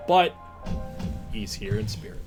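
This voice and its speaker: Joking man streaming a game, slow talker. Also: fairly low pitch, sing-song, a little mellow, faint music behind. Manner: joking, laughs often. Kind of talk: casual gameplay chat.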